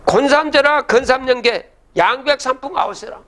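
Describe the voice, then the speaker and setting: A man's voice: very high-pitched, moderate pace, a bit bright. An older man giving a public lecture, reciting old verses and then explaining them, often asking the audience rhetorical questions.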